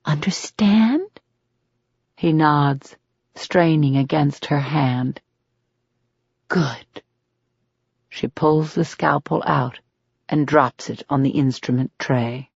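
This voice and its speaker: A woman narrating a dark thriller audiobook in a measured, steady, deliberate reading, recorded with slightly dull audio. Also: low-pitched, vocal fry, husky, no room sound.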